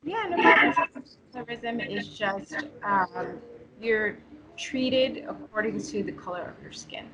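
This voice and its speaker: Against crowd noise on a low-quality recording, a New York woman speaks as an interview guest in a medium-pitched, animated, slightly slow voice. The conversation is casual and frank, full of fillers and restarts.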